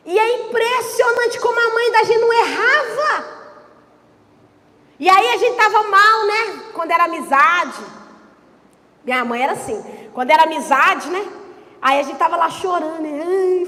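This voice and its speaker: A woman pastor gives an animated sermon and keeps teasing and questioning her congregation. Her voice sits very high. A long church reverb trails every phrase. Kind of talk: lively sermon.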